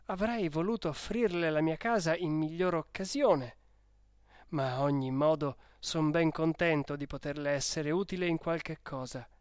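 A man's voice: fairly high pitch, normal speed, clear, resonant tone, dry recording, studio quality, close to an everyday voice. A man voicing a formidable nobleman who now speaks with grave, formal courtesy. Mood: courteous.

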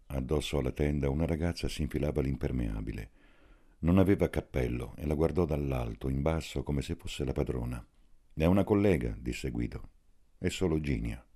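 A man narrating a literary audiobook in a slow, measured way. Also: extremely low pitch, dark tone.

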